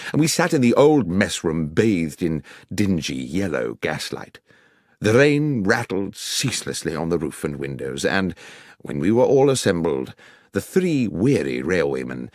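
A man narrating an audiobook in a calm, measured storytelling manner. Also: sits low, no echo, clean studio sound.

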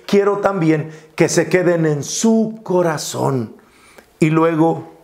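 Slow, gravelly-voiced male preacher. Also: on the high side, a little mellow. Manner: slow, repetitive preaching with rising cries; addresses viewers directly, asks for comments. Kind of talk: sermon.

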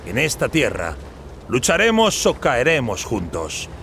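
Commanding, animated young warrior prince. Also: male voice, medium pitch, measured pace, slight background noise, exaggerated voice. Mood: rallying. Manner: commanding, declamatory. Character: proud, determined young human warrior prince. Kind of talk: scripted fantasy game acting. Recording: game sound effects behind voice.

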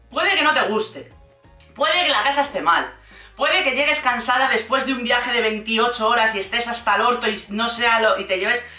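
A woman's voice: fairly high pitch, echoey room, distant mic. A woman from giving casual, sarcastic commentary on a reality show. She acts out the people she quotes as she talks. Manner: sarcastic and expressive, mimics people in quoted voices.

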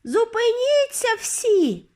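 A woman voicing a tall, shrill female witch in a storybook reading, shrieking and drawn-out. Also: sing-song, mellow, heavily acted. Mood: shrill alarm.

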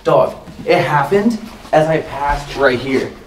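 A young man talking in casual slang on a night ghost-hunting vlog, excitable and repeating himself as if startled. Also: a little high, slow pace. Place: abandoned corridors and rooms at night. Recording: echoey, noisy, distant camera sound.

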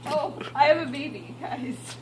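A woman's voice: sits high, animated, a little slow, reverberant, noisy background. A woman chatting casually and playfully, teasing and humoring the person she talks with. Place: hospital recovery room.

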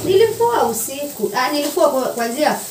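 A young Kenyan woman vlogger with a high, sing-song voice talks fast, teasing and mixing slang with English as she cooks in her small indoor home kitchen. A camera on the counter a few feet away picks her up, so the kitchen sounds echoey and far-miked. Loud frying and sizzling pans fill the noisy background.

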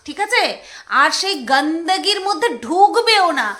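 Woman, high ringing voice, snarky casual commentator. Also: animated, a little slow, sharp tone. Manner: mocking, sarcastic, teasing. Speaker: vlogger.

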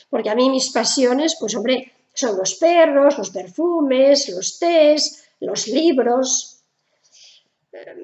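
A woman's voice: sits high, roomy sound, muffled recording. A woman with a Spanish accent from Spain teaching German pronunciation in a casual video lesson, patient and repeating each sound.

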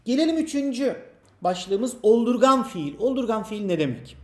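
Male teacher with a high voice, patient exam prep grammar lesson, asks and answers his own questions, echoey room. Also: lively intonation, normal speed. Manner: addresses imagined students by name.

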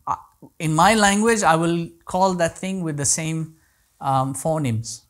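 In a small indoor living room, a Kutchi-speaking man in his thirties lectures an online class and fields questions. His pitch is fairly high and his pace a little slow. He explains things with many restarts.

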